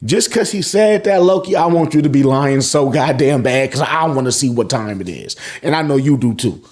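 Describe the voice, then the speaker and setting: This host of a manga review show is an American man with a medium-pitched, slightly mellow voice, lively intonation and a moderate pace. He recaps chapters in casual slang, swearing freely and repeating phrases for emphasis.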